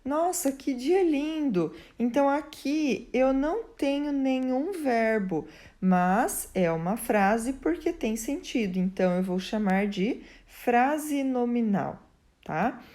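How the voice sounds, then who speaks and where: A woman's voice: fairly high pitch, lively intonation, takes it slowly, a little mellow. A woman teacher explains grammar step by step, checking in often with her students. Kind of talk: grammar lesson.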